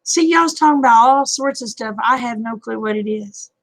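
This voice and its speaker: Woman, 50s, stream host, casual folksy chat, slightly high voice with a gravelly edge. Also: moderate pace, no echo, low-quality recording. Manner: folksy and talkative, chuckles often.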